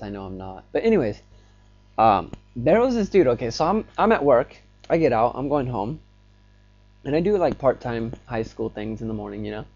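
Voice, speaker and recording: A young vlogger tells a rambling, filler-packed personal story into his phone camera and becomes increasingly agitated along the way. His voice is fairly low, gravelly and a little mellow, heard through lo-fi sound.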